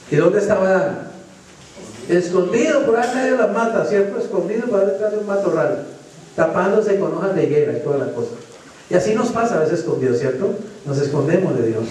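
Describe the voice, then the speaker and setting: A man's voice: fairly high pitch, mellow, slight background noise. A man with a Colombian accent preaching a sermon as pastor, asking the congregation questions as he goes. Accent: Colombian Spanish. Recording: echoey church hall from far off.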